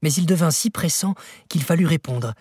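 A man reading a novel aloud in a measured, even storytelling manner, with a husky voice. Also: a little high. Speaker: audiobook narrator. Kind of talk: scripted literary narration.

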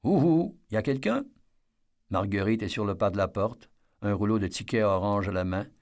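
A man narrating a novel as an audiobook, in a measured storytelling manner. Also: fairly low pitch, level tone.

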